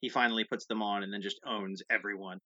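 Bright-voiced man riffing and laughing. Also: fairly low pitch, steady tone, fast talker, dull audio. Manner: rambling, laughs often, acts out bits. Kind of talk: casual brainstorming chat.

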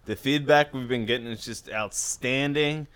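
A man co-hosting a podcast in casual chat, with a monotone voice and dry, crude banter. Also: medium pitch, normal speed, clean tone. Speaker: podcast co-host.

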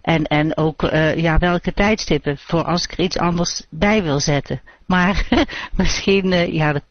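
A co-host puts questions in a hesitant, casual way, stopping often with fillers. The sound is dry and a little dull. The pitch sits in a middle range. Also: fairly even intonation, a little slow, no room sound. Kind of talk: casual chat.

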